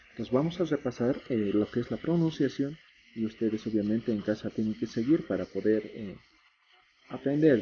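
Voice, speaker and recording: A man's voice: slight background noise, poor audio. A man from Bolivia teaching an Aymara vocabulary lesson, patiently saying each word, often checking in with "¿no?" and "¿ya?". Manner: says Aymara words louder and higher, then the Spanish meaning.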